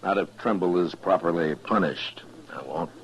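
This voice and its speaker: Deep-voiced, stern Old West marshal. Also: male voice, gravelly, poor audio. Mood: firm, resolute. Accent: American. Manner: firm, plain-spoken, measured. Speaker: lead actor and narrator. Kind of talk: old-time radio western acting.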